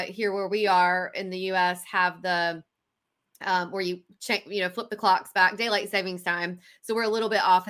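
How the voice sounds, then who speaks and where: A woman co-hosts a casual podcast chat from a home studio over a video call, introducing a guest with enthusiasm, chatty and laughing often. Her voice has a medium pitch and a sharp tone.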